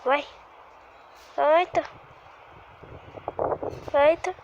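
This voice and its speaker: A woman talks through her gameplay in a high voice, breaking into little cries and sighs as things happen. She speaks in an unhurried way despite the excitement, and the home recording carries a clear layer of background noise. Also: dull audio. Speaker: gaming video creator. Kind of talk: live gameplay commentary.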